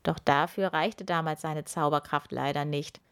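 Gravelly woman reading a children's story. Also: sits low, fairly even intonation, normal speed, a bit bright. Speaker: narrator.

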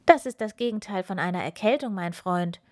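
A woman voicing a small cheerful male snowman in a whispered role-play, higher, quicker and louder than her narration. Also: no echo, clean studio sound, close to an everyday voice. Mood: worried.

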